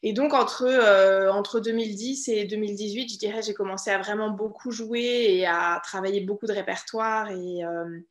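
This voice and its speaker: A woman's voice: mid-range voice, steady tone, moderate pace, few pauses. A French woman in her thirties, a concert pianist, speaking thoughtfully in a remote interview, with many hesitations and restarts. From France. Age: 30s. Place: room at home with bookshelves. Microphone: video call. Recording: echoey room over music.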